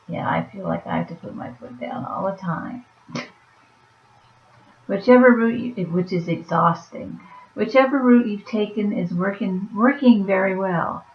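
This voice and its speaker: This oracle card reader is a woman with a lowish, weak, fading voice who reads the cards aloud softly, then tosses in offhand comments. The recording is roomy and dull, lo-fi, with a little hiss or hum.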